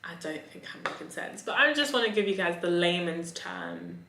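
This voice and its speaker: A woman's voice: on the low side, animated, normal speed, vocal fry, pushed and bright. A woman giving a casual, chatty restaurant review with a campy, theatrical manner and exaggerated emphasis on key words. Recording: echoey, roomy voice recording.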